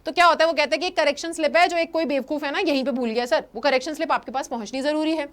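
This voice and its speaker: Young female teacher with a high voice, retells a story chapter in a conversational way. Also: fairly even intonation, fairly bright tone. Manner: reads English lines slowly, then explains in quick Hindi. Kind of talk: Hindi-English chapter explanation.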